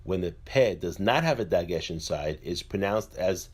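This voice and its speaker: Low husky-voiced guy going thru letters one at a time, slow and steady. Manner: slow, methodical, repetitive letter-by-letter explanation. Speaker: teacher. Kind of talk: instructional narration.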